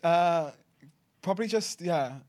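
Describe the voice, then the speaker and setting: A man's voice: fairly high pitch, expressive, takes it slowly, a little mellow. A man in his early twenties with an Essex accent, chatting casually in a camp, sweary, slangy manner as a guest. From Essex, England. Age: early 20s. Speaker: podcast guest. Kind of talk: casual confessional chat.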